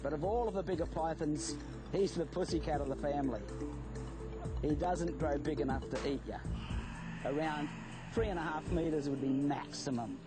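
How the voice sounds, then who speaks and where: A man's voice: on the high side, normal speed, loud music behind the voice. A man with an Australian accent presenting wildlife informally to camera, in a colloquial showman's manner. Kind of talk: informal presenting to camera while handling snakes.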